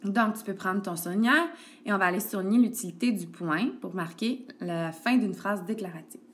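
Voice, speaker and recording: A woman's voice: medium pitch, normal speed, fairly bright tone. Patient woman teacher. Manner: patient, addresses the child directly with frequent "ok" and "donc". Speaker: elementary school teacher. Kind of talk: recorded grammar lesson for a child. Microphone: tablet screencast recording.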